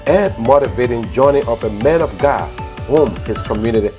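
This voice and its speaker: A man hosting his own interview channel, introducing his guest in a formal, deliberate way. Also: medium pitch, lively intonation, over music. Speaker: interview host, YouTuber.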